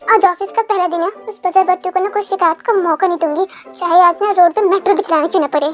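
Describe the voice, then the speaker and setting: A cheeky young woman who talks without a pause and teases her boss, voiced by one reader in a fan audio drama. Very high voice, faint music underneath. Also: steady tone. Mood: lively. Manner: talkative, teasing. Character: chatty, cheeky young woman, quick-witted.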